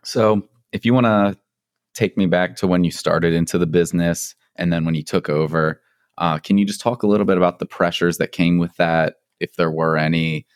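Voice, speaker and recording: A man's voice: sits low, steady tone, normal speed, no room sound, studio quality. A man hosting a podcast in a chatty, friendly way with frequent ums. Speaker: podcast host.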